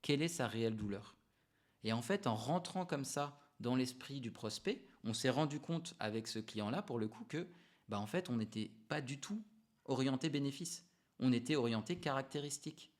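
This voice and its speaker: A man delivers business coaching straight to the viewer, talking freely rather than reading. He explains things step by step, hammers points home by repeating them, and often hesitates and corrects himself along the way. His voice sits at a middle pitch for a man. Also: expressive, normal speed. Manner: conversational, explanatory, emphatic repetitions; frequent hesitations and self-corrections. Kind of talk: unscripted advice to camera.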